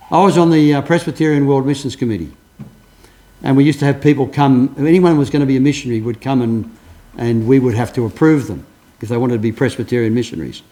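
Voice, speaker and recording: An older Australian man preaches a sermon as a pastor, earnestly telling stories and restarting his sentences often. His voice is mid-range with a dark tone.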